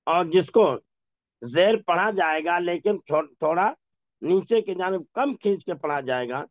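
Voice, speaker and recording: A man teaching an Urdu reading class, drilling words slowly, repeating each one and asking the class questions. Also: fairly high pitch, no room sound. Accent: Pakistani Urdu. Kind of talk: Urdu reading lesson, drilling word pronunciation.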